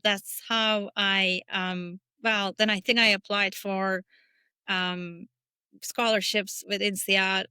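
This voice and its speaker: A woman's voice: medium pitch, bright, forceful tone, clear, resonant tone, no room sound. A middle-aged woman from Turkey, a podcast guest talking casually and thoughtfully, with frequent fillers and restarts. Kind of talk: casual interview talk.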